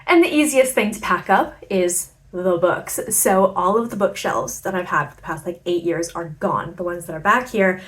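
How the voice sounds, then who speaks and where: A woman's voice: lowish voice, moderate pace, hardly any pauses, a bit bright. A tired woman chatting casually and wryly to camera as a book vlogger, her voice echoing in the room. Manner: chatty, informal, wry. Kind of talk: casual bookish chat to camera. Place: echoey room at home during packing. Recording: echoey room.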